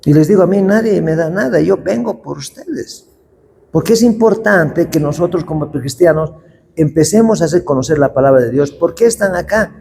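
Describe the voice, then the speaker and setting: Warm-voiced pastor preaching. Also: male voice, a little high, animated, creaky, a little hiss or hum. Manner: slow, deliberate scripture reading. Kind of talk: sermon. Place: church hall. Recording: long hall reverb.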